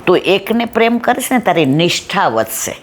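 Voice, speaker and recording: A woman's voice: lowish voice, big pitch swings, normal speed, a little hiss or hum. A middle-aged woman giving a devotional satsang talk, telling a story in a conversational way and asking her listeners whether they follow. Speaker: satsang speaker.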